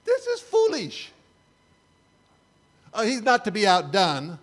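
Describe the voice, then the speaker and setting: A man's voice: high-pitched, huge pitch swings, slow, fairly bright tone. An older man, a church speaker, giving a sermon-style talk with slides in a wry, incredulous, conversational way.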